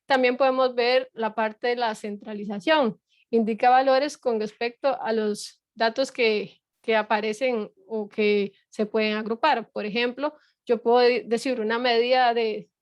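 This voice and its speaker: This middle-aged woman, a university lecturer, teaches a class online with a fairly high-pitched voice. She explains patiently, using frequent fillers and rhetorical checks, and the audio is studio quality with no echo.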